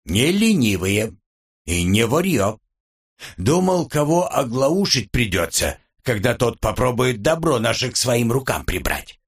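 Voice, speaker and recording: A man's voice: mid-range voice, sing-song, measured pace, slightly rough, heavily acted. A man voicing a fussy, folksy old male house spirit in an audiobook, grumbling and chatty. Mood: pleased. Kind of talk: audiobook character reading.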